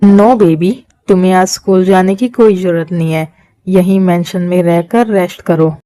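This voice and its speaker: A woman's voice: on the low side, steady tone, normal speed, mellow, dry recording, natural voice. A woman voicing a possessive, menacing young man in a Hindi fan-dub drama, commanding and controlling. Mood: cold.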